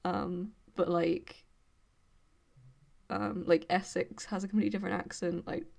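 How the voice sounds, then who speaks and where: A young woman with an English accent talks casually and haltingly to her stream viewers, filling gaps with "like" and "um" and laughing often. Her voice sits slightly low and carries a gravelly fry. She speaks at a slow, unhurried pace. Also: flat delivery, darkish tone. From Birmingham, England. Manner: hesitant and rambling, many fillers, laughs often. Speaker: study stream host. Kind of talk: casual chat with live viewers.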